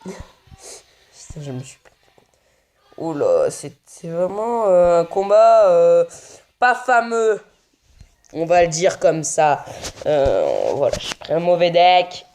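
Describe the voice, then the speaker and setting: Young male gamer, slow unhurried delivery, mumbled running commentary with frequent swearing. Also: fairly high pitch, big pitch swings, darkish tone. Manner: mutters play-by-play, swears often. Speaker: gaming video creator. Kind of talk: casual gameplay commentary.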